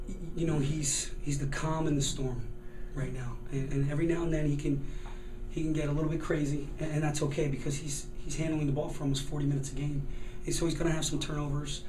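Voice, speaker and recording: Earnest coach in an echoey hallway. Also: male voice, fairly high pitch, level tone, quick pace, recorded from a distance. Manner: earnest, repeats words as he searches for them. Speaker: basketball coach. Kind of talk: postgame press interview. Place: hallway by sponsor backdrop, indoors. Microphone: handheld reporter mic below frame. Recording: echoey hallway, camera set back.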